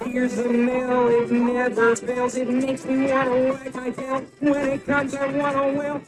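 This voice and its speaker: A man putting on a cheerful kids'-show singer to sing a slow, sing-song mail tune, heard from a distance over music. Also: very high voice, monotone, voice pushed up.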